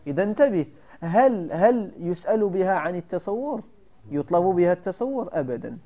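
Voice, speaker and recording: The voice is high yet dark, belonging to a sheikh who speaks with a Moroccan Arabic accent. In a classroom lesson on a classical text, he repeatedly quizzes the students and drives the key points home through repetition.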